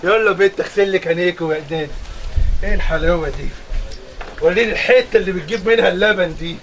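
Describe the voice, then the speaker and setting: An actor playing a doting Egyptian farmer husband, coaxing and playful. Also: male voice, sits high, fast, fairly bright tone, slight background noise, low-quality recording. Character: doting rural husband, middle-aged.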